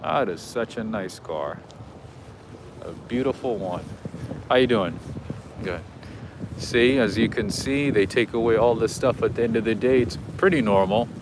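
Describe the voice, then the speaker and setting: A man's voice: lowish voice, a little slow, pauses often, noisy background. A man hosting a live walking tour outdoors on a city street, chatting casually and greeting viewers by name. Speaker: livestream host.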